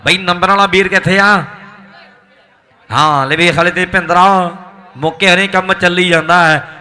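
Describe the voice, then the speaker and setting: A man with a Malwai Punjabi accent gives live kabaddi commentary in an excited, rhythmic hype style with repeated exclamations. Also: high-pitched, normal speed, clear, resonant tone. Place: outdoor village tournament ground.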